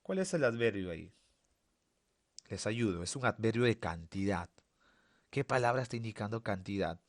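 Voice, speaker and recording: A man's voice: on the low side, animated, normal speed. A man teaching a primary school grammar lesson online. He asks the class questions and then answers them himself.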